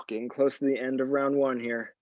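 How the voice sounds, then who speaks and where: Male fitness instructor, mid-range pitch, exerting himself as he cues and encourages a class; muffled, dry recording. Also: little pitch movement, normal speed, no echo. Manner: encouraging, repeats short praise to the group. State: exertion, audible sighing breaths. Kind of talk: live workout class coaching, counting down and cueing moves.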